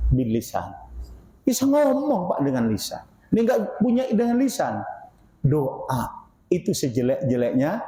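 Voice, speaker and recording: Older male preacher, fairly high, mellow voice, animated rhetorical sermon, echoey mosque hall. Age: 60s. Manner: animated, rhetorical questions to the congregation, swings between loud and low. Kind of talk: mosque study-circle sermon.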